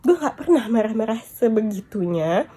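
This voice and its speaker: Woman, high voice, upset and venting, tearful at times, vlog. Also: expressive, moderate pace, dark tone, husky. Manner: upset, venting, mixing English and Japanese words. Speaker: vlogger. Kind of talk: emotional storytime vlog.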